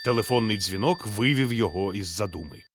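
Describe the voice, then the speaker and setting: A man narrating a children's storybook in a steady, measured, gently expressive reading. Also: fairly low pitch.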